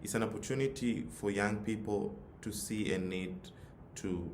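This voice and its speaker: A man with a Tanzanian accent, a youth nonprofit leader speaking at a forum, gives an earnest motivational talk woven around a personal story, repeating phrases for emphasis. His voice is fairly low and a little mellow, at a moderate pace. The recording has a roomy echo and audible background noise.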